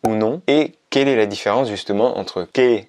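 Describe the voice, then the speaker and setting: A man with a fairly low voice teaches a language lesson. He explains each point clearly and patiently and says every example sentence twice, slowly. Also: a little mellow. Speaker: Spanish teacher. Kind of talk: scripted lesson to camera.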